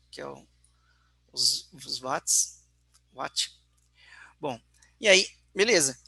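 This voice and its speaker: A man teaches physics over a video call, walking through each calculation and checking that his students follow. His voice sits a little high, with a bright, forceful edge. The sound is dry and close. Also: no room sound. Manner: walks through calculations step by step, often checking in with the class. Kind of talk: online class explanation.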